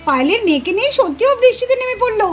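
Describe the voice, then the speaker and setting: High-voiced woman narrating a doll cartoon. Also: sing-song, rapid-fire, slight background noise.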